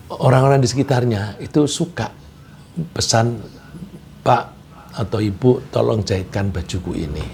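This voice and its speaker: Calm man preaching, mellow voice. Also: on the low side, gravelly, slight background noise. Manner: calm and measured, with frequent "ya" and "nah". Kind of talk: religious sermon.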